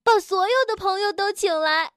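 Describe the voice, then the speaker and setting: A woman's voice: very high voice, moderate pace, fairly bright tone, dry recording, clean studio sound, voice pushed up. A woman voicing a cheeky, fearless male frog in a children's storybook, with a chirpy, teasing and bold manner.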